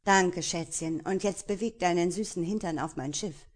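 A brash, arrogant pirate captain, put on by a woman reading a romance audiobook. He talks loudly and with swagger, his voice pushed higher and louder than her plain narration. Taunting and bossy. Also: moderate pace, lightly acted. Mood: smug.

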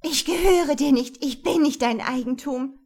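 A woman's voice: high voice, normal speed, darkish tone, voice pushed up. A woman reading aloud and voicing a frightened young woman who pleads in a strained, breathless way. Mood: desperate.

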